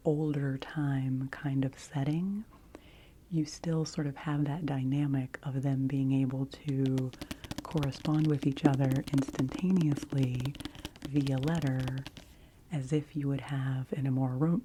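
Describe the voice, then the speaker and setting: A woman giving an ASMR book review in a hushed library whisper that slips into very soft speaking. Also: low voice. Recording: noisy close recording with clicks and tapping.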